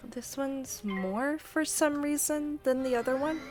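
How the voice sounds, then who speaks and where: A woman's voice: high-pitched, a little slow. A woman giving casual commentary as she streams a video game. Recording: game music behind the voice.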